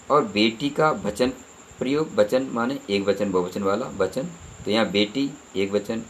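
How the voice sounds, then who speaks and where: A man's voice: fairly low pitch, slight background noise, low-quality recording. A man teaching a Hindi grammar lesson, repeating terms and asking the listener rhetorical questions.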